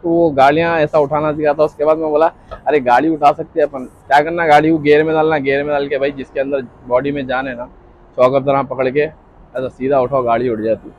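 A man's voice: a little high, a little hiss or hum. A young man, a vlogger telling a rambling story in casual chat and acting out the lines of the people in it. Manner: rambling, reenacts dialogue. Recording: dull lo-fi audio with faint music.

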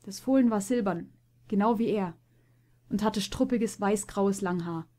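A woman's voice: medium pitch, a little slow, dark tone. Woman reading a storybook expressively. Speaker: audiobook reader. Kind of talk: storybook narration.

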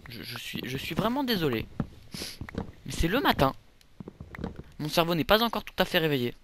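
Over background noise, a young man with a higher-leaning, very animated voice chats at a normal speed while playing a video game. His let's play commentary is casual and rambling, peppered with self-mocking jokes.

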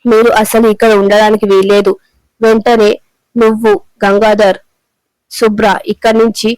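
Woman reading as a furious young guy yelling accusations, smooth flat voice. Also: mid-range voice, moderate pace, natural voice, rough recording. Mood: accusing. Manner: shouting accusations. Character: angry young man accusing an old clerk.

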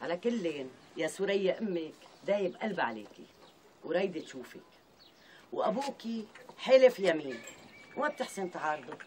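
An actress with a Syrian accent playing a stern, reproachful aunt, in a TV drama. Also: female voice, fairly low pitch, big pitch swings, a little fast, pauses often, a little mellow, a little hiss or hum. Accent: Syrian Arabic. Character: stern aunt delivering an offer.

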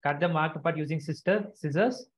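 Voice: medium pitch, normal speed. A teacher explaining a craft to children step by step in an online class, repeating instructions and checking they follow. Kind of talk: live instructional lesson. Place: online video call. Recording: dull lo-fi video call audio.

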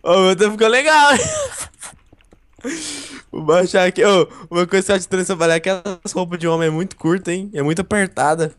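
Teasing male gamer, high voice, fast, dry close mic. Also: sing-song, fairly bright tone, dry recording. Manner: teasing, playful banter. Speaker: gaming video co-host. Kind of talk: casual gameplay chat.

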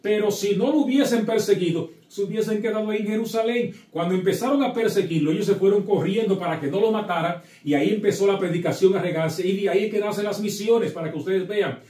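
A man's voice: high-pitched, fast talker, hardly any pauses, warm tone. A middle-aged man, a priest, preaching with encouragement and then solemnly reciting the prayers of the Mass. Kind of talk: sermon and Mass liturgy. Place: small chapel set with altar, indoors. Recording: echoey room, voice from far off.

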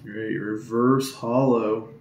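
A man talking quietly and in a flat monotone while opening trading card packs at home, rambling with many ums and uhs in a casual vlog. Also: lowish voice, slow. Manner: monotone, hushed tone to avoid waking others. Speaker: Pokemon card opening YouTuber. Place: at home indoors. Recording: echoey room with faint ambient noise.

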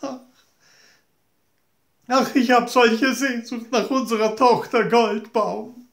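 Man playing a jealous storybook queen, higher pitched, plaintive and sighing, roomy echo. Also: takes it slowly. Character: vain, jealous queen, a grown woman.

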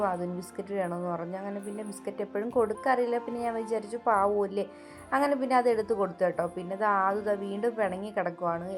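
A young Malayali woman narrating her Sunday at home in a chatty voice-over, often adding little tag questions. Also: mid-range voice. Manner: chatty, keeps adding "കേട്ടോ". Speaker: home vlogger, mother.

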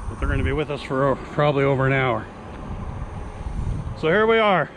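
A man's voice: mid-range voice, animated, a little fast, background noise. A man out of breath, chatting casually and joking while filming beside a road. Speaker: support crew for a runner. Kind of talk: casual outdoor vlog narration. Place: roadside outdoors by traffic.

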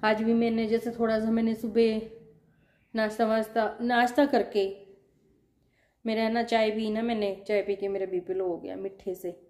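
A woman in her thirties, a mother chatting casually to her viewers from her home kitchen while doing chores and gently scolding her child. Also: on the high side, little pitch movement, moderate pace. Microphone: phone camera.

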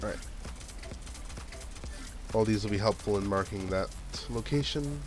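Playing a video game with a congested nose, this let's play gamer speaks in a lowish voice at a measured pace. He comments casually over the game's music, wondering aloud what his next step should be.

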